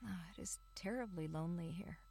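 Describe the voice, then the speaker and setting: A woman voicing a proud young fir tree in a storybook reading, musing softly on his loneliness and hopes. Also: fairly low pitch, fairly quick, husky. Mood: lonely. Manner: soft, musing inner thoughts.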